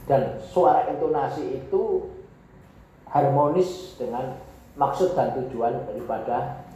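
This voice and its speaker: Slow man, echoey classroom. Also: mid-range voice, warm tone, slight background noise. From Indonesia. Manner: reads Arabic text aloud then explains it, with repeated examples. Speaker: Arabic teacher. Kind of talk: classroom lecture. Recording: echoey, dull classroom recording.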